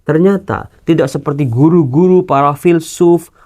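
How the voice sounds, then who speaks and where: A man's voice: fairly high pitch, normal speed, a little mellow. A man, a priest teaching scripture in a sermon, earnest and direct, slipping casual asides into formal teaching. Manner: earnest, addresses listeners as brothers and sisters.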